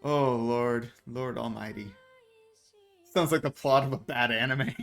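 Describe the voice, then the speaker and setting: A man's voice: mid-range voice, fairly even intonation, unhurried, gravelly, fairly bright tone, faint music behind. An American man in his thirties, chatting casually and animatedly to a live stream audience with a self-mocking streak. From United States. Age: 30s. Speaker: VTuber streamer.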